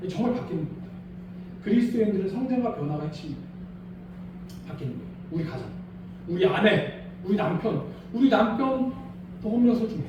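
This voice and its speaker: A male pastor preaching a Sunday sermon in a small church, animated and acting out quoted voices. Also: high voice, fairly quick, pauses often, heavy reverb, recorded from a distance, muffled recording, noisy background.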